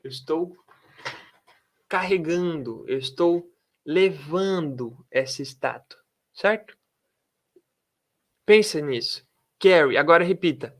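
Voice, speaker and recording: In this English lesson delivered in Portuguese, the teacher switches back and forth between the two languages while explaining and carefully sounds out English pronunciation at a slow pace. He's a man with a fairly high pitch and a fairly bright tone.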